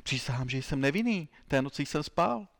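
A man's voice: on the high side, expressive, gravelly, no echo, clean studio sound, voice pushed up. A man voicing a timid male suspect who whines and protests his innocence. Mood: pleading.

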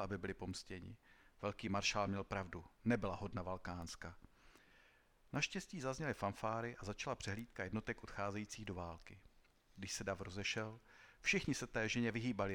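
A man reading a story aloud in a calm, measured way. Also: lowish voice. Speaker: narrator. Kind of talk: read-aloud story narration.

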